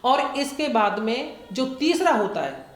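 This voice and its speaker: A schoolteacher with a fairly high, sing-song voice takes a measured pace as she patiently teaches grammar to young kids. Her words echo around the room as she repeats points and questions the class.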